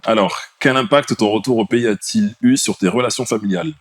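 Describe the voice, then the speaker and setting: A man with a baritone voice co-hosting a podcast in casual, informal chat. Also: a little fast, no echo, studio quality. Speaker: podcast co-host.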